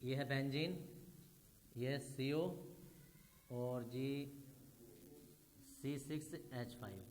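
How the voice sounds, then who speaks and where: A man's voice: medium pitch, steady tone, very slow, a little mellow, slight background noise. A man teaching a chemistry class, explaining step by step and speaking directly to his students. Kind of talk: classroom lecture.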